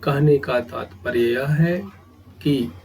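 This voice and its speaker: Slow, deliberate male grammar teacher. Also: medium pitch, vocal fry, a little mellow, slight background noise, low-quality recording. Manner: speaks in short phrases with long pauses, repeating key terms.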